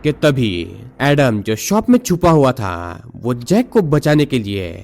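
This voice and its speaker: A man narrating a movie plot recap in a lively storytelling manner, dropping English words into his sentences. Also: mid-range voice, slow.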